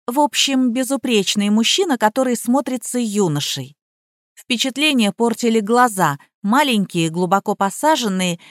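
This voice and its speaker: A woman narrating a first-person audiobook in a measured, even storytelling manner. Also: mid-range voice, dry recording, studio quality.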